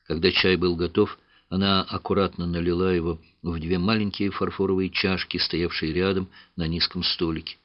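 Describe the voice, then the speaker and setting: Deep-voiced male audiobook narrator. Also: level tone, moderate pace, highs cut off. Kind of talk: scripted narration.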